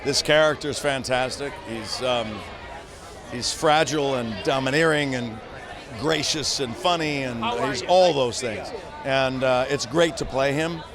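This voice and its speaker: A man's voice: mid-range voice, a little slow. A male actor talking in a red carpet interview. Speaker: stage actor. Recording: busy outdoor crowd noise.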